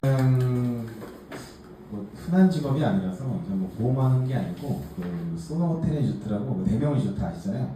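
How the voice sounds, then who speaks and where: At a workshop, a case presenter in his forties from Gangneung, Gangwon Province, South Korea, tells a group his own life story. His mid-range voice is expressive and moves at normal speed, and his manner is chatty and self-mocking with many fillers. Echo, a faraway mic and a faint hiss color the recording.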